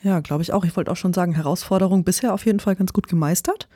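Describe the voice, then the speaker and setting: An interviewer with a mellow, warm tone asks questions in a friendly, easygoing way, hedging often. The recording is dry and close. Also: mid-range voice, quick pace, dry recording.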